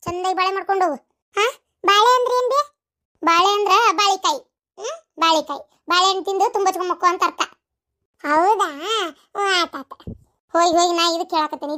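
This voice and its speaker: In a comic family skit, a woman performer plays a sharp-tongued older mother-in-law with a North Karnataka Kannada accent. Speaking very high and fast, she scolds, mocks, and bosses people around.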